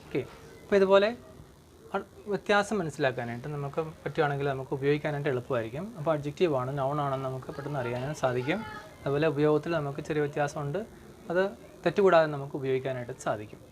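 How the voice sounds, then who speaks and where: A teacher walks through English grammar, saying each example sentence slowly and filling pauses with okay and hmm. The voice sits at an ordinary middle pitch. A faint background hiss runs under the lesson.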